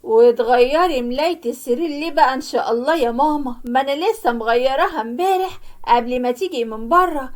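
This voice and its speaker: A woman voicing a sharp-tongued young married daughter who scolds loudly, with an Egyptian accent, in an animated story. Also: high voice, quick pace, natural voice. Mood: sweet. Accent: Egyptian Arabic. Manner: loud, harsh and scolding.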